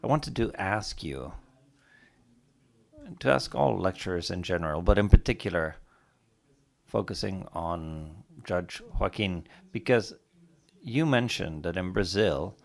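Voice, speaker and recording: A man's voice: low voice, expressive, gravelly. A young man from Ecuador, politely asking a formal question from the floor into a handheld microphone. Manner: polite, measured. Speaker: audience member asking a question.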